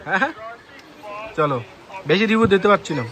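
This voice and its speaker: High-voiced excited male travel vlogger. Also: normal speed. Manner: chatty and excited, talking to viewers. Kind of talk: casual travel vlog narration. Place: outdoors by a mountain river.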